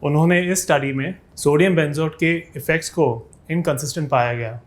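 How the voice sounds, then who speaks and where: A man's voice: on the high side, moderate pace. A man, a fitness YouTuber, narrating a scripted explainer. He speaks to his viewers, often asks rhetorical questions and adds sarcastic asides.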